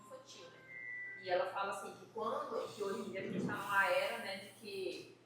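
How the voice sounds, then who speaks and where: A woman taking part in a workplace meeting, explaining her point in a halting way with many restarts. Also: mid-range voice, fairly even intonation, roomy sound, music in the background. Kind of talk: casual explanation in a group discussion.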